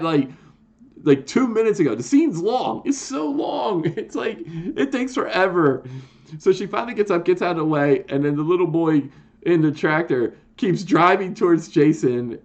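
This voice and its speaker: A man talks casually and excitedly to his viewers, rambling with lots of fillers and restarts. His voice sits at an ordinary middle pitch. The recording is a bit dull and lo-fi. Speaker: YouTube host ranking horror films. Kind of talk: casual chat to camera.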